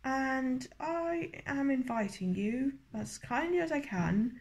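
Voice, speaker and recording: Tipsy woman with a higher-pitched voice, rambling. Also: lively intonation, slow, darkish tone, slight background noise. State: tipsy from drinking. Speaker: video reviewer. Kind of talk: casual, rambling episode review.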